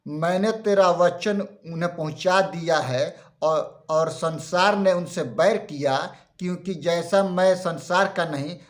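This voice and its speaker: A man's voice: high-pitched, a bit bright. A man preaching a Christmas sermon, fervent and reading scripture verses aloud.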